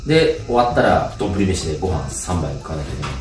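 A young man telling stories from his school days in casual chat, animated, laughing often and acting out the people he quotes. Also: sits low, fast, far from the mic. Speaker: channel host telling life stories. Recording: roomy, off-mic with music behind.

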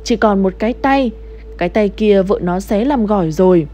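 A woman's voice: mid-range voice, lively intonation, normal speed, warm tone, highs cut off, soft background music, lightly acted. A woman voicing a frightened older village wife, agitated and pleading. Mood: anxious.

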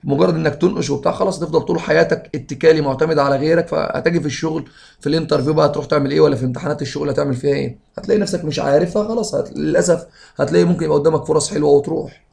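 A man with an Egyptian Arabic accent, teaching English grammar and reading sentences slowly before explaining them quickly. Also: a little high, steady tone, creaky, a little mellow.

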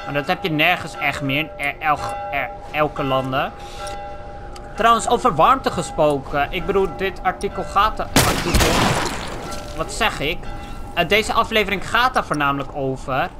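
A young man from the Netherlands giving excitable, foul-mouthed let's play commentary, tossing in English slang. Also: fairly high pitch, normal speed, loud music behind the voice. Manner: excitable, swears a lot, drops English slang. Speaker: gaming channel host.

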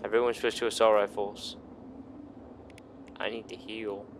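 Hosting a gaming video, a man gives casual, sweary, exclamatory commentary on the gameplay, often talking himself up. He speaks unhurriedly in a lowish voice with a level tone, and there is background noise.

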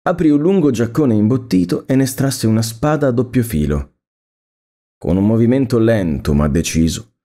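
A man narrating a story aloud in a measured, expressive reading. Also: mid-range voice.

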